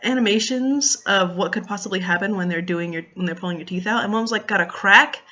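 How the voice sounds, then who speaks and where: Young woman, bright forceful voice, casual vlog storytelling, animated, chatty fillers, slightly dull lo-fi recording. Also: mid-range voice, fast. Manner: animated, filler-heavy retelling with quoted dialogue. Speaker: vlogger.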